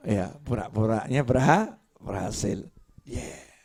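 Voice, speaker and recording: A male preacher delivers a lively, jokey sermon. His voice sits at an ordinary middle pitch and swings from hushed asides to loud, excited bursts. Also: a little slow.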